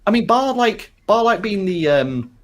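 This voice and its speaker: A man's voice: high-pitched, very animated, moderate pace. A man hosting a casual podcast chat, rambling with constant fillers and frequent swearing. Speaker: podcast host.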